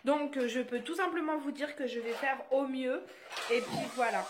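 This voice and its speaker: Filming on a handheld phone in her child's room, the young vlogger mother talks chattily, full of fillers, and shifts into a sing-song tone with her small kids. She speaks at normal speed in a high-pitched voice, with background noise present.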